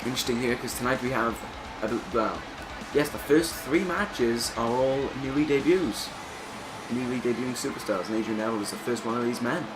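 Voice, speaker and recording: A man calls pro wrestling like a commentator, talking through the matches conversationally and correcting himself as he goes. His pitch sits in the middle range, and music plays clearly behind him. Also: brisk, rough recording. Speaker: game video host and commentator. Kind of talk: wrestling commentator play-by-play over video game.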